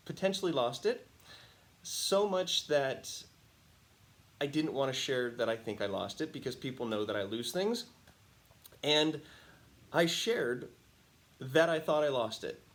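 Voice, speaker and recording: Chatty, animated man talking to camera. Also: mid-range voice. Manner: animated, chatty storytelling with frequent laughs. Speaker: host. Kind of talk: casual talking-to-camera monologue.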